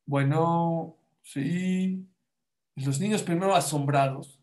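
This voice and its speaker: Animated man teaching children. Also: a little high, takes it slowly. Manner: animated, repeats words, speaks directly to the children. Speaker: religious teacher. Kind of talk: lesson and storytelling for children.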